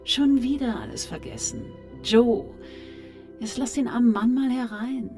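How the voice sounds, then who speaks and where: Woman voicing a seductive femme fatale, slow unhurried drawl, mocking and flirty, music plainly behind. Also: on the high side, darkish tone. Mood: teasing. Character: teasing, seductive female killer, cool and self-assured. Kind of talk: noir audio drama acting.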